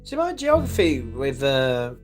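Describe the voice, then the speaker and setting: Over background music, a middle-aged British livestreamer reads out viewer comments in a mid-range voice whose pitch swoops wildly. He talks a little slowly, casual and reassuring, drifting off topic and restarting sentences.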